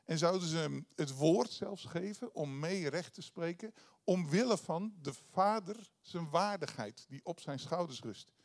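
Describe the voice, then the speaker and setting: A man's voice: on the high side, expressive, unhurried. A man preaching a sermon, retelling a parable in a conversational way, with frequent hesitations and restarts.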